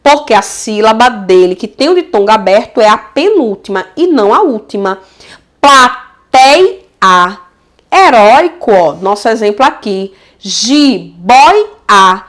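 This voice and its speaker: With a mid-range voice and Brazilian Portuguese accent, a Brazilian woman leads an informal grammar video. She is lively and affectionate, frequently checking in with learners and pronouncing example words slowly.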